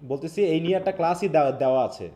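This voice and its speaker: A man's voice: fairly high pitch, rapid-fire, crowd noise. A man teaching an online English class with a Bangladeshi Bengali accent, who explains patiently and often asks checking questions. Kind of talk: online live revision class.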